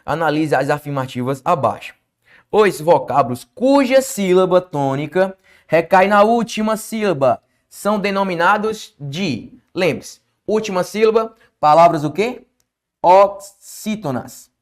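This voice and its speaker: A man teaching a Brazilian Portuguese exam-prep lesson, emphatic, asking questions and answering them himself. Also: fairly high pitch. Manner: emphatic, asks and answers his own questions.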